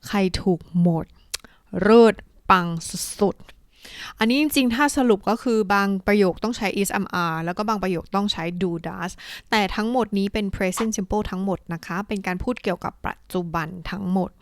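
A woman with a Thai accent teaching an English lesson, saying model sentences slowly and deliberately and adding quick asides. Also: medium pitch, no room sound, clean studio sound.

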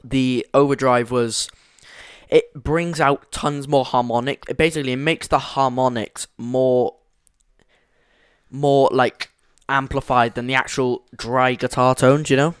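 Smooth, dry-sounding young man chatting. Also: medium pitch, fairly even intonation, measured pace, no echo. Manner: rambling, enthusiastic, full of fillers. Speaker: podcast co-host. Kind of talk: casual chat. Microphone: close to the microphone.

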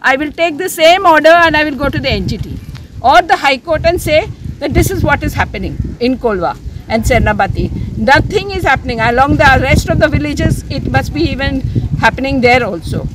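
A woman's voice: high-pitched, lively intonation, brisk, noisy background. Insistent woman activist outdoors. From India. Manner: earnest, insistent, with frequent restarts and fillers. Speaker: civic activist. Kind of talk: on-the-spot news interview. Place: outdoors near a beach, under an umbrella.

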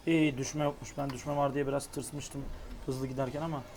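A young man giving casual, excitable commentary while playing a racing game online. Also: mid-range voice, brisk, slight background noise. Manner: excitable, exclaims at near misses. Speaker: gaming YouTuber.

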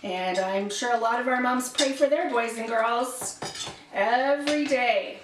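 High-pitched lady hosting a kids church lesson, upbeat and encouraging, roomy echo, mic far off. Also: measured pace. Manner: cheerful, encouraging, teacherly. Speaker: children's ministry host. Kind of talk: children's church cooking lesson. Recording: roomy, distant mic, faint noise.

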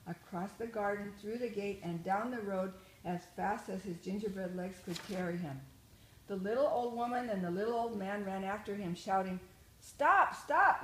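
An older woman, a grandmother, reading a children's story aloud with expressive, rhythmic storytelling. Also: mid-range voice. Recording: echoey room, faint noise.

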